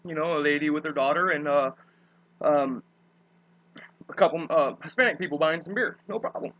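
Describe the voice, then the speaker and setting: A man's voice: on the high side, moderate pace, fairly bright tone, lo-fi sound. A young man, rambling casually with many fillers and swear words as he tells his side of a dispute.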